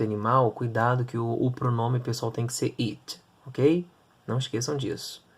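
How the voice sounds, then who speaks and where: Man teaching English grammar. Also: mid-range voice. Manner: explains step by step, checks in with "tá?" and "né?". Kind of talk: online grammar lesson.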